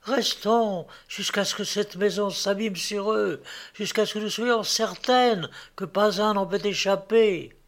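A man voicing a cold, ruthless young noblewoman who speaks in hushed, icy, measured tones in an audiobook reading. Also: high-pitched, pitched above the performer's own voice. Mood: fierce.

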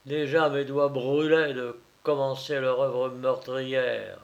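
Slow, theatrical male storyteller. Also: mid-range voice, flat delivery, gravelly. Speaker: narrator. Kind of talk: audiobook reading.

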